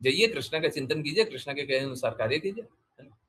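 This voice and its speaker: A man's voice: fairly high pitch, lively intonation, fast, a bit bright, breathy edge. A man, a spiritual teacher, giving a devotional talk and answering questions, emphatic, repeating phrases and asking rhetorical questions.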